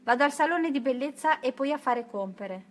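A woman's voice: high voice, lively intonation, moderate pace, pitched above the performer's own voice. Firm storybook mother who scolds her son, voiced by a woman narrator. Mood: matter-of-fact. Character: stern but loving mother.

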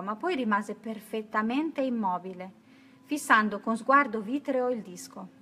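A woman narrating a children's picture book, reading aloud in an expressive, even-paced way. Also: on the high side, husky. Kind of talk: children's story read-aloud.

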